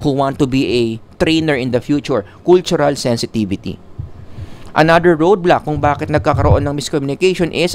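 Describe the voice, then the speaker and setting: A man's voice: on the high side, darkish tone, slight background noise. A man giving a psychology lecture in a classroom style, mixing in English with jokes and asides.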